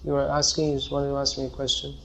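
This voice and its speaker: A man's voice: mid-range voice, completely flat delivery, quick pace, gravelly, fairly bright tone. A man leading a scripture class, answering audience questions and explaining by thinking aloud.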